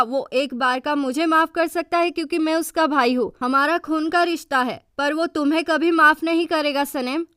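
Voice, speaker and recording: A woman's voice: sits high, fairly bright tone, no echo, clean studio sound. A woman reading a scheming, manipulative man. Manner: harsh, dismissive.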